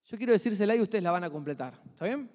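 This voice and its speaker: In a church hall with a long reverb tail, a young man with an Argentine Spanish accent gives a chatty, conversational sermon and asks the congregation questions. His high, slightly mellow voice is animated, and he talks very fast.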